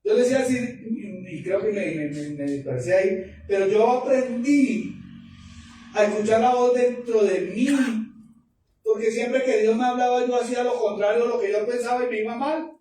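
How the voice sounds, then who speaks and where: A man's voice: very high voice, normal speed, mellow. A man, a pastor preaching an emphatic, fervent sermon full of repetitions. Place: church hall. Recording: echoey hall, distant mic, faint noise.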